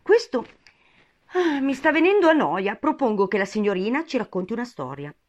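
A woman's voice: mid-range voice, sing-song, fast talker, darkish tone, muffled recording, close to an everyday voice. A woman voicing a bored, sulky March hare that speaks impatiently.

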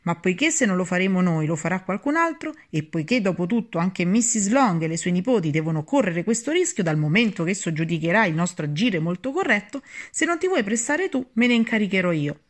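Brief: a woman playing a dry, teasing storybook father, measured and ironic. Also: on the low side, animated. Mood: wry. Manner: wry, teasing.

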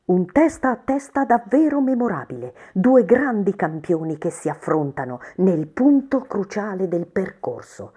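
A woman reading the lines of an excited race announcer heard over loudspeakers, in the manner of exclaiming commentary. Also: medium pitch, measured pace, hardly any pauses, husky.

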